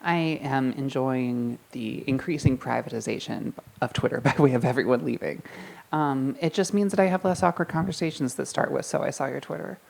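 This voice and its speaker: Very low, gravelly-voiced woman co-host. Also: a little fast, a little mellow. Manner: dry, wry quips. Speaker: podcast co-host. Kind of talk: casual chat.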